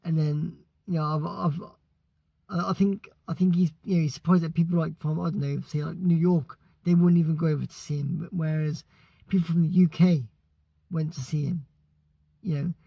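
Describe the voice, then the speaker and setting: A British man from the UK telling a story casually, excitable and stumbling over his words. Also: a little high, normal speed, gravelly, no room sound. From United Kingdom. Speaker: vlogger.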